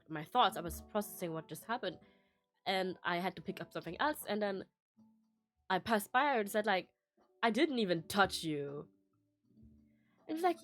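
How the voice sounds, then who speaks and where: A young woman chatting casually as a vlogger, telling a personal story in a meandering way with many fillers, restarts and laughs. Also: fairly high pitch. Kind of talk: casual rambling chat.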